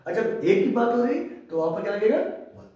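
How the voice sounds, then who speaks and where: A man's voice: sits high, expressive, normal speed, dark tone. A man teaching English grammar in a lecture, repeating his questions and answering them himself. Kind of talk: classroom lecture. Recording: echoey room, mic far off.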